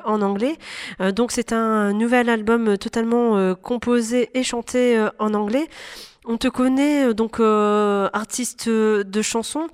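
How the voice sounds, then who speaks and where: A woman interviewing a guest at a festival, asking questions with many fillers and pauses. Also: a little high, clean tone. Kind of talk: casual interview.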